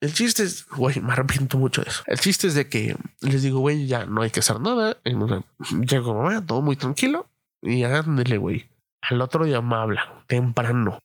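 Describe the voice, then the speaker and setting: Young guy, casual storyteller: rambling, slangy, swears a lot, mid-pitch voice, dry close mic. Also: expressive, normal speed, no echo. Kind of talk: casual anecdote telling.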